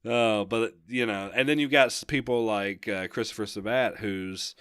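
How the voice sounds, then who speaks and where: A man's voice: fairly low pitch, normal speed, fairly bright tone, smooth, dry recording, clean studio sound. A young man co-hosting a casual gaming podcast, rambling and enthusiastic, laughing often. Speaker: podcast co-host.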